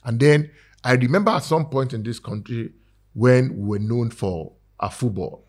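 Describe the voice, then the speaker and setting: A man's voice: mid-range voice, moderate pace, darkish tone. A man with a Nigerian accent, speaking as a guest in a casual talk-show discussion, earnest and persuasive, with many fillers and restarts. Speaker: guest advocating for skit makers.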